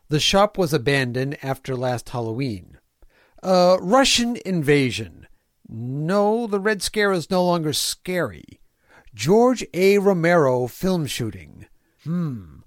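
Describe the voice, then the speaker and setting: A fan audio drama voice actor reads a comic fan-fiction piece as a small-town mayor who is cheerfully evil and prim about cleanliness. His slightly high voice swings expressively through clipped, folksy, list-like diary entries. The recording is dry and close, with no echo.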